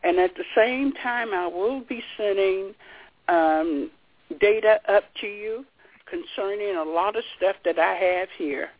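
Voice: medium pitch, unhurried. A guest on a radio interview who talks in a rambling, hesitant way with many restarts. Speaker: call-in guest. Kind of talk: casual radio interview chat. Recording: tinny phone line.

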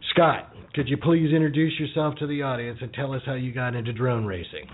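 A man's voice: medium pitch, brisk. A man hosting a casual podcast interview, chatty and full of "you know" fillers. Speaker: podcast host. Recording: phone-like narrow audio.

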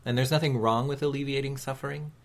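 A man co-hosts a talk radio show in a medium-pitched, steady voice. He sounds earnest, measured, encouraging and reflective.

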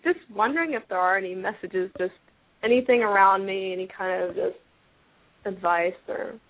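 A woman calling in to a radio show on a speakerphone, speaking hesitantly with many pauses and fillers. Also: mid-range voice, dry recording. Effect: calling in on a speakerphone over a phone line. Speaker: caller. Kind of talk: call-in radio chat. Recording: tinny narrow phone line.

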